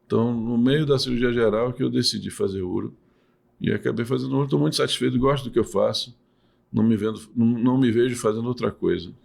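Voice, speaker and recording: Gravelly-voiced man explaining patiently. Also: medium pitch, fast talker, a little mellow. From Salvador, Bahia, Brazil. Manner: explanatory, hesitant restarts. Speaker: urologist and professor, guest. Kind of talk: podcast interview.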